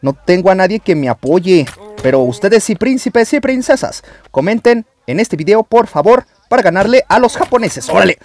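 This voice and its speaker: A man with a Mexican Spanish accent giving excited gameplay commentary as a YouTuber, taunting opponents and yelling at the screen. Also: sits high, normal speed. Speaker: gaming YouTuber.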